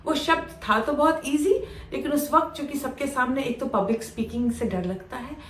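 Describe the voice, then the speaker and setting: A woman's voice: high-pitched, moderate pace. A woman from Bihar telling her own life story in an earnest way, mixing English phrases into her talk. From Bihar, India. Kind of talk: personal storytelling. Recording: roomy echo, distant mic, faint ambient noise.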